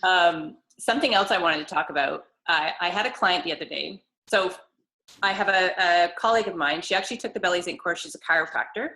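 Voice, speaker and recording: A woman's voice: on the low side, brisk, pushed and bright, low-quality recording. A woman co-hosting a casual video call, telling a long story with many restarts. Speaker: co-host, fitness trainer.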